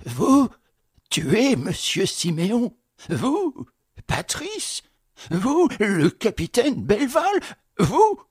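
A man voicing a frightened old concierge who stammers and asks shrill, disbelieving questions, in an audiobook reading. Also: very animated, takes it slowly, darkish tone, breathy edge, no echo, studio quality, full character voice. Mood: incredulous. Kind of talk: audiobook character voice.

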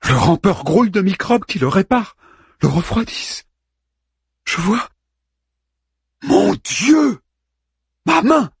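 A man's voice: sits high, sing-song, takes it slowly, gravelly, pauses often, husky, no room sound, clean studio sound, pitched above the performer's own voice, full character voice. A man voicing a frightened, awestruck man crying out at overwhelming visions. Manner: cries out in awe and terror.

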